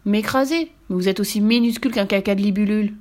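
A woman's voice: fast, close to an everyday voice. A woman voicing a cheeky, clever little boy in a children's storybook reading, with an impish, raised voice. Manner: impish, cheeky, higher and louder.

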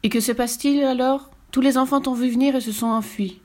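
A smaller, scolding crocodile with a raised, reproachful voice, as a woman reading a storybook puts him on. He sounds scornful and fussy, talking above the reader's own pitch. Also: fairly even intonation, brisk, darkish tone, lightly acted.

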